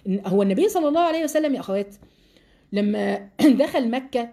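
Brisk Egyptian woman teaching religion. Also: a little high. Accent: Egyptian Arabic. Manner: lively explanatory teaching, reads passages then explains them. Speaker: Quran teacher. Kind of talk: religious lesson to women.

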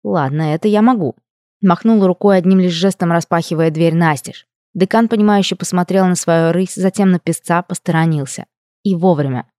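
A woman reading a first-person audiobook with expressive, emotional storytelling. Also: fairly low pitch, fairly quick, no room sound, clean studio sound. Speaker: audiobook narrator. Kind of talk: scripted first-person narration.

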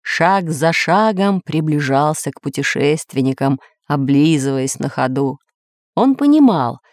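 A woman narrating a children's audiobook in an expressive, measured storytelling manner. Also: deep voice, dry recording, studio quality.

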